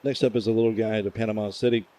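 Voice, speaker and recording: A man giving casual, unhurried live commentary as a plane spotting host, rambling through explanations. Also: on the low side, level tone, background noise. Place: outdoors near airport runways.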